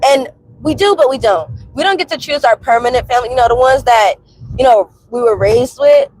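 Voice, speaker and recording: Here the twenty-something vlog host talks to her audience with a fairly high, animated voice, fairly quick, with a darkish, slightly rough tone and a stuffy, cold-affected sound. Her chat is candid, confessional, emphatic and colloquial; the recording is rough but has no echo.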